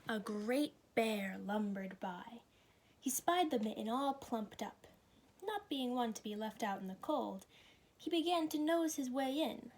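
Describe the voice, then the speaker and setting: A woman with a fairly high voice reads a story for children. She phrases each part clearly and puts expression into the telling, as a storybook reader does. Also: lively intonation, unhurried, a little mellow. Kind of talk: children's story read aloud.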